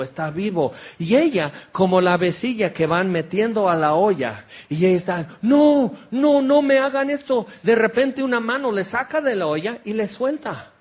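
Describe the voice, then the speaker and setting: Slow, dramatic male preacher in a tent. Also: high voice. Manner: dramatic storytelling, acting out scenes with exclamations. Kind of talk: sermon. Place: tent meeting.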